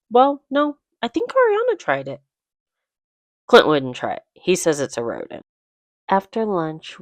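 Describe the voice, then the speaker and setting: Woman narrating her vacation, slow and chatty, dry close sound. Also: a bass voice, no room sound. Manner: rambling, unsure of place names. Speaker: trip narrator. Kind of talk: casual travel voice-over.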